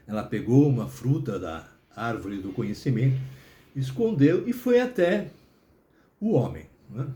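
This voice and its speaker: A man tells a comic tale in a chatty, animated voice. His pitch swings a lot, and his tone is mellow. The recording sounds roomy with an echo. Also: unhurried. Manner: animated, chatty, many tag questions. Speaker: storyteller. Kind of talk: comic storytelling.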